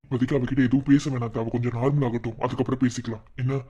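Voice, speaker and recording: A man's voice: medium pitch, flat delivery, racing, mellow, breathy edge, natural voice. A man voicing a young son-in-law in a cartoon, soothing and reassuring but firm when he has to be. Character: young son-in-law, calm and protective, stern when needed. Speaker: son-in-law comforting the family.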